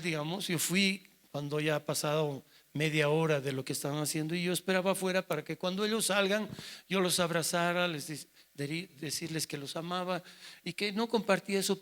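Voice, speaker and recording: A male pastor tells a personal story in a sermon. He acts out the dialogue as he goes, and his voice sits a little high for a man. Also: a little fast, fairly bright tone.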